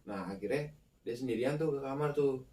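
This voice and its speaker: A man telling a ghost story in a casual, animated way, acting out the people in it. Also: fairly quick. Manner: animated, acts out the quoted people with sharp jumps in pitch. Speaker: guest storyteller. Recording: roomy, mic far off.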